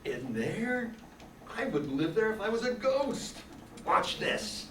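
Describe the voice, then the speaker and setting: Echoey, animated George Bailey, restless young man, played by an older man. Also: high voice, takes it slowly, exaggerated voice. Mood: excited, boyish. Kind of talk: amateur radio-play acting. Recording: echoey, distant room, faint noise.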